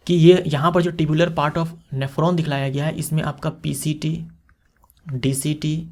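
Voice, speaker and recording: Guy teaching exam prep, bit high voice, keeps repeating stuff and asking questions back. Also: darkish tone. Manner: explains step by step, repeating key terms with rhetorical questions.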